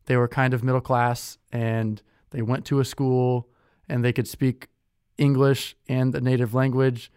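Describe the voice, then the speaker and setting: A man's voice: medium pitch, little pitch movement, a little slow, a little mellow, clear, resonant tone, no room sound. Chatty young man, dry close sound. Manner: chatty, with many fillers and self-corrections. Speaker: podcast co-host. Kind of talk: casual conversational chat.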